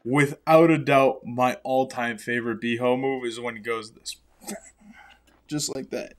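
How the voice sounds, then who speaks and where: A man's voice: mid-range voice, fairly even intonation, normal speed. A man hosting a podcast, ranting emphatically with sarcasm in casual chat. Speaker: podcast host.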